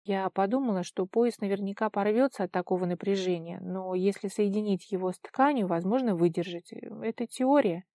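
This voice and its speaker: A woman voicing a stubborn, sharp-tongued young woman who speaks in curt commands, in a storybook reading. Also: mid-range voice, normal speed, few pauses, dry recording, studio quality, close to an everyday voice.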